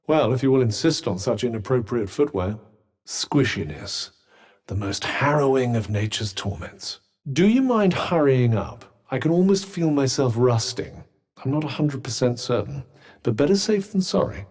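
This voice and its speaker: Game casting: fussy sentient magic cuff, British, wry and pompous, mid-pitched, heavy reverb. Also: male voice, darkish tone. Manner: dry, wry, pompous, articulate. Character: sardonic, fussy talking magic cuff, a bickering companion. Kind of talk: video game character dialogue. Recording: long reverberant echo on voice.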